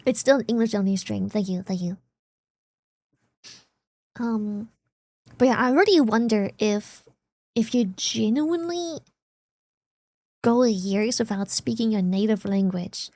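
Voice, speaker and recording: A woman's voice: a little high, unhurried, pauses often, mellow, no room sound. A young woman who speaks natively, chatting casually with viewers on a stream in English with a rambling, filler-heavy manner. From Germany. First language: German.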